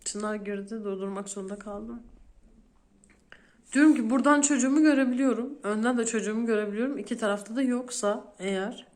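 A woman's voice: on the high side, brisk, darkish tone. A woman in her thirties, a vlogger speaking straight to her viewers as she retells a frightening day in detail. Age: 30s. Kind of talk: emotional storytelling to viewers.

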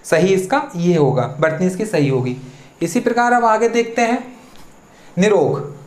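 In an echoey room, a teacher speaks at medium pitch and a moderate pace during an exam-prep spelling lesson. The teacher asks questions, answers them, and spells words out syllable by syllable.

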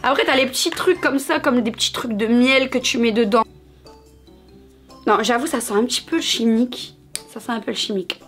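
Faint music plays behind this haul vlogger, a woman in her thirties whose voice is fairly bright, husky, and on the high side, delivered at a moderate pace. She talks straight to her audience in a chatty, bubbly haul video, affectionately calling them "mes amours."

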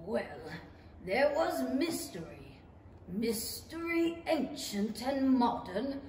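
A woman playing a mournful, touchy turtle creature in a 1930s-style radio play, ponderous and drawn-out, in an echoey hall. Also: a little high, darkish tone, slight background noise. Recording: echoey hall, distant mic.

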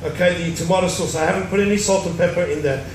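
Chef explaining a recipe in an echoing hall. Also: male voice, sits high, fast talker. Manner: explanatory, dryly joking. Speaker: cruise ship chef. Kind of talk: cooking demonstration. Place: cruise ship show stage before an audience. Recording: echoey hall, distant mic, noise.

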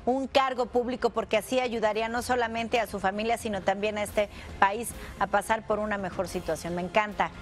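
A woman's voice: medium pitch, fairly even intonation, fairly quick, faint music behind. A middle-aged woman with a Mexican accent, giving a live entertainment report from a TV studio. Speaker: entertainment correspondent.

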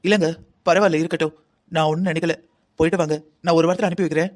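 A voice actor playing a calm, firm middle-aged mother in a cartoon drama, soothing but insistent. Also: on the low side, very fast, natural voice.

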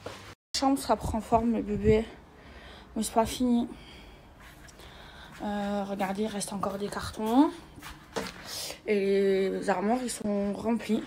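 A woman's voice: medium pitch, steady tone, slow pace, pauses often, far from the mic. A young adult woman talking casually and directly to her viewers in a chatty vlog. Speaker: vlogger. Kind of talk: casual vlog talk to camera. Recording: loud background noise and chatter.

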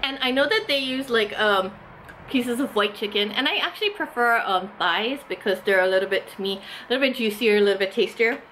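Her voice is a little high and fairly bright, a touch fast, with slight background noise. She's a food vlogger in her thirties, eating at a table in a small indoor room and enthusiastically reviewing food while using lots of casual fillers.

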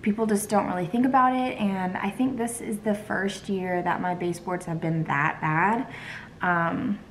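This young vlogger's casual kitchen chat is medium-pitched, fairly even in intonation, and delivered at normal speed. She's tired and rambles to a close-held phone camera, filling her talk with ums and likes, while slight background noise hums behind her.

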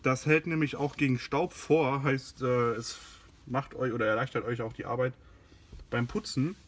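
A man hosting car care content gives a casual product demonstration from inside and beside a car in a garage. His mid-range voice has fairly even intonation and a moderate pace, and he sounds informal and a little hesitant while working.

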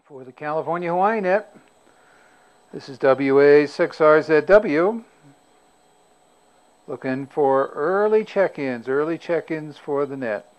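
Guy on a ham radio net, kinda high voice, muffled radio sound, reading call signs. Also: expressive. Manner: clipped radio procedure with call signs, unhurried. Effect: heard over an amateur radio link. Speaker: amateur radio net operator. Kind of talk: casual radio net chat. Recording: muffled narrow-band radio audio.

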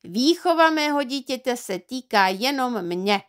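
A woman's voice: sits high, animated. A woman voicing a stern, grumbling middle-aged father who lectures and quarrels. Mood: angry. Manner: indignant, lecturing.

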